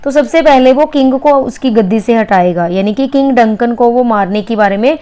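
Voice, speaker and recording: A woman's voice: fairly high pitch, moderate pace, dark tone, clean tone. A woman teaching literary terms in an explanatory lecture, asking and answering her own questions. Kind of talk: explanatory lecture mixing Hindi and English.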